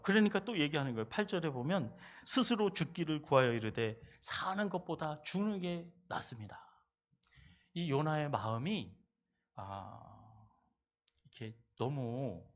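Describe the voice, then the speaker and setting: Male pastor, animated sermon delivery, sits fairly high, quizzes his listeners. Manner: animated storytelling, quizzing the congregation.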